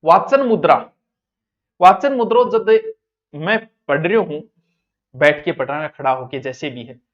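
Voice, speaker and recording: High-voiced male teacher, jokey and dynamic, captured on dull lo-fi classroom audio. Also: unhurried. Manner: lively, jokey, swings between loud and soft. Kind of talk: exam coaching lecture.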